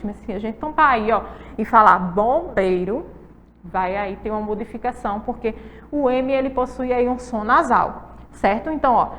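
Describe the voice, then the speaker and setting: A woman teacher giving a lesson to young children, speaking slowly, asking them questions and repeating words for them. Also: on the high side, in a large hall. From Brazil. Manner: slow, coaxing, asks kids questions and repeats words.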